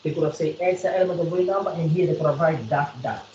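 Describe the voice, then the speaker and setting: A woman's voice: sits low, fast talker, dark tone, reverberant, dull audio, slight background noise. A South African woman tutoring a student in maths one on one, repeating points and quizzing the student as she explains. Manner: repetitive, coaxing, quizzes the student.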